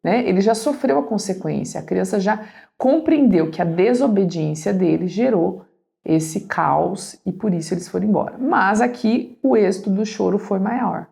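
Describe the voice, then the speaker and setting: A woman's voice: mid-range voice, lively intonation, normal speed, gravelly, dark tone. A woman reading a parenting book aloud and commenting on it, asking her listeners rhetorical questions. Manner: explanatory, asks the audience rhetorical questions. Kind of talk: commented read-aloud lesson.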